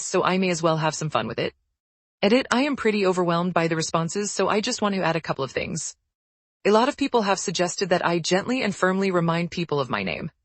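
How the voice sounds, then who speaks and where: A woman narrating forum posts aloud in a brisk, even storytelling read. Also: lowish voice, dry recording.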